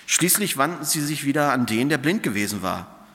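Expressive male scripture reader, church reverb. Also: medium pitch. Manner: expressive, measured reading. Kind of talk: Bible reading and prayer.

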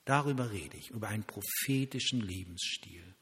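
A male pastor preaching a sermon, telling lively stories and acting out quoted dialogue. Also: on the low side, normal speed, big-room sound, a little hiss or hum.

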